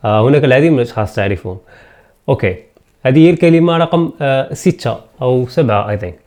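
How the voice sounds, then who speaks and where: A man with an Algerian accent teaching English pronunciation, saying each word again and again slowly and switching between Arabic and English. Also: medium pitch, lively intonation, darkish tone. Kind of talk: pronunciation lesson.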